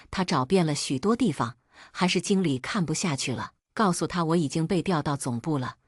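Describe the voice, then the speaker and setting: A woman's voice: lowish voice, a little mellow, husky, no echo, studio quality. A woman narrating a romance novel in the first person, reading every part in her own voice. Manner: reads all parts in her own voice.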